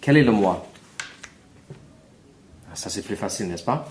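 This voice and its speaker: A man's voice: lowish voice, animated, a little slow, a little hiss or hum. A man teaching a French lesson, spelling words letter by letter and repeating each one for learners.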